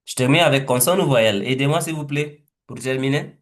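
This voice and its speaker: A man leading a teaching webinar, thinking aloud slowly and hesitantly as he walks through a word game. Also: medium pitch. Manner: slow, hesitant, thinking aloud with repeated words.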